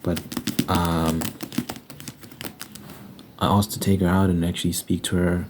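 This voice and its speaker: A man with a very deep voice talks through his opinions in a casual solo monologue. He leans on points emphatically, often repeating short phrases. A constant, obvious layer of noise sits under his speech. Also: level tone, measured pace. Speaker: video host.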